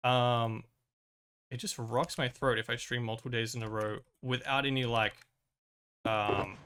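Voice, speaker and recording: While playing a game on stream, a young man talks in a loose, rambling way, full of fillers and restarts. His mid-range voice has a sharp tone and sounds slightly worn from a recent cold that cost him his voice; the recording has a little hiss or hum.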